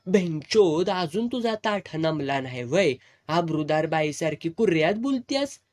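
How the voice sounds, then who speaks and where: A man's voice: fairly high pitch, animated, a little slow, a little mellow. A man voicing a brutal, villainous landlord who snarls crude threats and orders. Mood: menacing.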